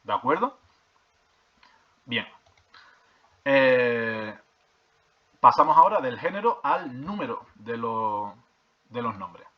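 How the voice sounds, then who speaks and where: A man's voice: medium pitch, very animated, slow, long pauses. A man, teaching primary school grammar. He goes over each point more than once and keeps checking in with "¿vale?" and "¿de acuerdo?", hesitating as he reads from the textbook. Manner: hesitant with fillers and restarts while reading from a textbook. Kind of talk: classroom explanation of grammar. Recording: slightly dull lo-fi recording.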